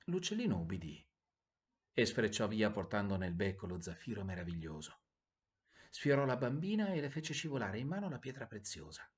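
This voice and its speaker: A man, a priest, narrating a bedtime story in an expressive, sing-song storytelling manner. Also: on the low side, normal speed. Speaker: priest telling bedtime stories.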